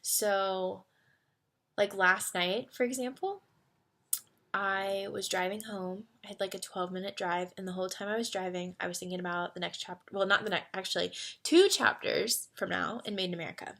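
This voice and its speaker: Bright-voiced chatty woman in her twenties. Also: mid-range voice, normal speed. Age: 20s. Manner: chatty, heavy on "like" fillers; swings from excited to quiet and earnest. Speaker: vlogger answering fan questions. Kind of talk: casual chat.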